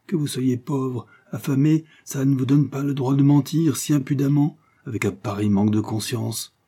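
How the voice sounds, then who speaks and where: A man's voice: on the low side, moderate pace, slightly rough. A man doing an indignant scolding lawyer. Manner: scolding, forceful, sharp. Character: indignant male lawyer, stern, moralizing.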